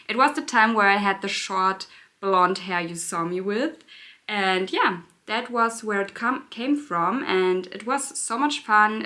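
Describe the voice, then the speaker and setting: Young woman, German accent, bright tone, casual beauty vlog chat that searches for words. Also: mid-range voice. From Berlin, Germany. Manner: chatty, searches for words, laughs lightly. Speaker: beauty vlogger. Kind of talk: casual Q&A while doing makeup.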